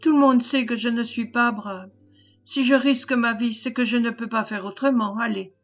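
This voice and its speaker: A woman's voice: on the high side, steady tone, moderate pace, dull audio, soft background music. A woman reading the part of a timid young peasant lad who pleads tearfully but stands his ground, in a storybook reading. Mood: pleading. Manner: pleading, respectful but determined.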